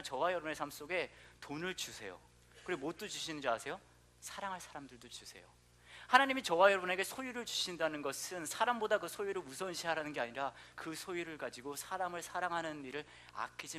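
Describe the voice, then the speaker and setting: A man in his thirties preaching a sermon, telling stories with questions to the congregation, sometimes dropping to a soft, hushed tone. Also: a little high, slight background noise. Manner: animated storytelling, asks the congregation questions; drops to soft, near-whispered prayer tone. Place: church hall.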